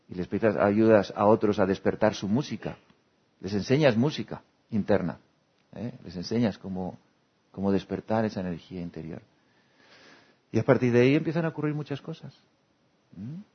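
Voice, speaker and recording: A man's voice: lowish voice, breathy edge, lo-fi sound. A man from gives a reflective spiritual talk to an audience, chuckling often and checking in with "¿no?" and "¿eh?". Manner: acts out imagined dialogues. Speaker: spiritual speaker.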